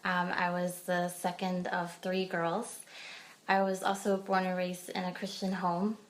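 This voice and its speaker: A woman from Pennsylvania with a low, flat voice shares her personal story as a guest speaker in a podcast interview. She sounds hesitant, with many pauses and fillers.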